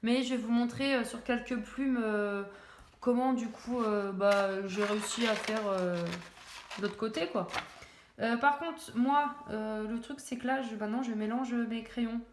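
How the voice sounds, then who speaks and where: A woman's voice: fairly high pitch, a little slow, background noise. A young woman chatting casually while she colors, full of hesitations and self-mocking jokes. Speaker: coloring video creator. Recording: echoey room.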